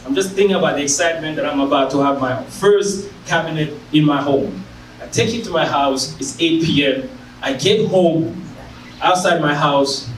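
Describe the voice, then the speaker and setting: A man from Africa with an African accent telling a personal story live on stage, animated and jumping high in pitch when he acts out voices. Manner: animated, jumps high when acting out quotes. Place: screening room venue, stage. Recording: echoey room, mic far off, faint hiss.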